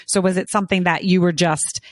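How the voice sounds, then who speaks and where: A woman's voice: fairly low pitch, steady tone, brisk, no room sound. A woman hosting a podcast, introducing a guest and promoting her storytelling consulting with upbeat enthusiasm.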